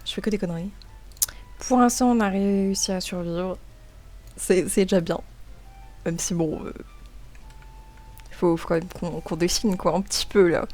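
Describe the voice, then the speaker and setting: A chatty woman with a slightly low voice narrates her gaming and drawing in a loose, excitable way, tripping over and repeating her words. She talks into a desk microphone at home, with faint music playing underneath. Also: moderate pace, long pauses. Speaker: gaming and art YouTuber. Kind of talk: casual gaming and drawing commentary.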